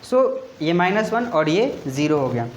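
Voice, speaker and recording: A man explains a maths lesson step by step, often pausing on "ok" and going back over each point. He speaks casually and directly to his students. The room is echoey, with a faint hum of ambient noise behind him. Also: fairly high pitch, very animated. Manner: explains patiently, repeats points, keeps checking with "ok". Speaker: maths teacher.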